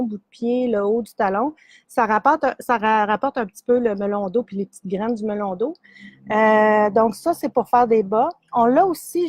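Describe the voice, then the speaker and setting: Showing yarn and sock blanks on a live stream, a middle-aged woman with a Québécois French accent keeps things casual, laughing easily and using many fillers. The yarn shop host speaks at a fairly high pitch, with no echo.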